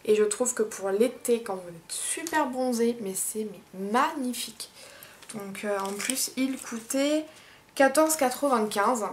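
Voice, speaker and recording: A young woman chatting casually in a haul vlog, unhurried, with many fillers. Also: on the high side, a little hiss or hum. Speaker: beauty vlogger.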